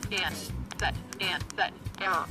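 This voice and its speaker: A synthetic, robotic voice prompt from a small radio, speaking each menu word in a clipped, even way. Its pitch sits in a middle range, neither high nor low. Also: unhurried, over loud music. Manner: clipped single-word announcements. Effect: robotic voice prompt from a handheld radio. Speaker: device voice announcing menu items.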